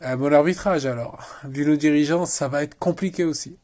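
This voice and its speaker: A man's voice: a little high, fairly quick, darkish tone. A man giving casual football commentary in a rambling, sarcastic way, often breaking off his own sentences. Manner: rambling, sarcastic, self-interrupting. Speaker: football vlogger.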